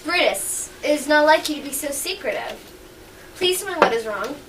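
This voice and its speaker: A woman playing a worried Roman wife, bright. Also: sits high, sing-song, moderate pace. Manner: beseeching. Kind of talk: amateur stage acting. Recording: distant mic, faint noise.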